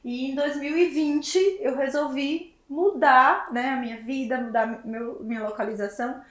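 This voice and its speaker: A woman's voice: high voice, fairly even intonation, moderate pace, a bit bright. A woman, candidly telling her own story in a panel talk. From Bahia, Brazil. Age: 40s. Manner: candid, reflective, leaning on tag questions. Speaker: dermatologist guest. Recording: roomy echo.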